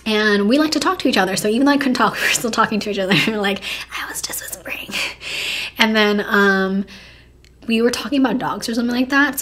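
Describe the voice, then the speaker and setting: Young woman, hoarse raspy voice, cracking, chatty, animated, drops to whispers, casual vlog talk. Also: medium pitch. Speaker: beauty YouTuber. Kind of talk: casual makeup review chat.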